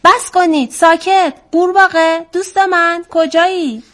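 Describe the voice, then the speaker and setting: A woman voicing an excitable, boastful little toad in a children's story, calling out eagerly and showing off. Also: fairly high pitch. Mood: frantic.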